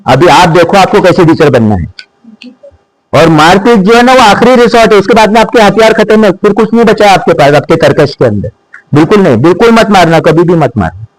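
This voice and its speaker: A middle-aged man, a school principal, addresses a room of teachers in a slightly high voice. His sound is dry and close, and he drops into slow, deliberate English sayings to press home his points. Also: animated, no echo, rough recording. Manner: mixes Hindi with English maxims, slows for emphasis. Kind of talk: speech to teachers.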